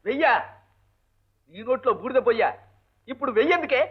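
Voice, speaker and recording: An actor playing a grumbling, henpecked husband and lecturer who mutters sarcastic insults and shouts for silence. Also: male voice, extremely high pitch, brisk, husky. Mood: exasperated. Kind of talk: 1980s film comedy dialogue. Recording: dull lo-fi old film soundtrack.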